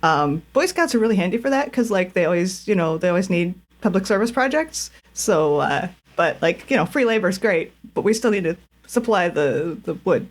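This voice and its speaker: A woman's voice: fairly low pitch, expressive, normal speed, few pauses. A woman voicing a young nature preserve intern who rambles and hesitates, with plenty of fillers and restarts, in a tabletop role-play.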